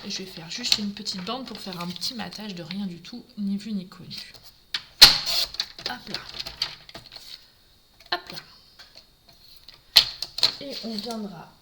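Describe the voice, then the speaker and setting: A woman's voice: mid-range voice, normal speed, hardly any pauses, heavy background noise. A woman giving a live craft demonstration, talking through each step and greeting viewers as she works.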